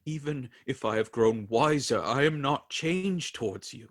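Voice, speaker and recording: An actor playing Ebenezer Scrooge in a radio play, an older miser looking back on his past in a wistful, excitable, pleading way. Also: medium pitch, a little slow. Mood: sorrowful.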